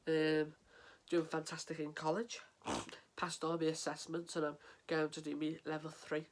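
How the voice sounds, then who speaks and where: An English mental health vlogger talks casually to camera, sounding stuffy and sniffling because of a head cold. His earnest, halting speech is packed with ums and restarts, and his pitch stays flat and level the whole time.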